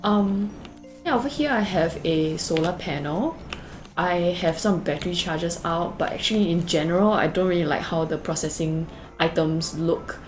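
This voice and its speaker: A young woman with a Singaporean English accent and a low voice narrates a cozy game tour at a moderate pace. The gaming video creator rambles casually, her talk packed with fillers, "like"s, and little asides, while faint music plays softly underneath.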